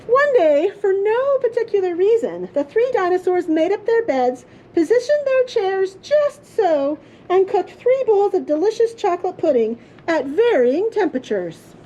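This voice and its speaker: High-voiced woman reading a children's storybook, theatrically. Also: big pitch swings, mellow, dull audio. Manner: playful, theatrical, with drawn-out emphasis. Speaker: librarian storyteller. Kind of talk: expressive children's storybook reading for a puppet show.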